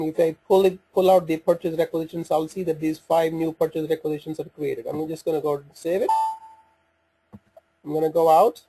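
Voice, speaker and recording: This is a screen-recording voice-over of poor recording quality. A man with a gentle, mellow, slightly raspy voice and a pitch just above average shows how the software works, narrating informally and hesitantly as he clicks through it.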